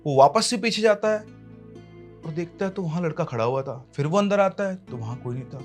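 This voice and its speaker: A man narrating a horror story in a dramatic way, pushing suddenly ahead and then slowing down. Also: a little high, expressive, soft background music.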